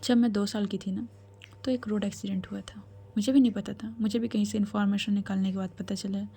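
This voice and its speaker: A devoted young woman pleads and confides in her sister, as a woman storyteller reads her in her own voice. The voice is mellow and sits at a middle pitch. She sounds tearful and earnest. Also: fairly even intonation, fast, breathy edge. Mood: confiding.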